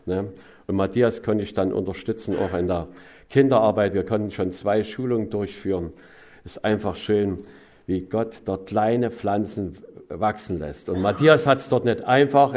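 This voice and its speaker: Man giving a folksy mission report. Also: lowish voice. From Saxony. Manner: folksy, with frequent tag questions; swings between loud emphasis and soft asides. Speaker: missionary preacher.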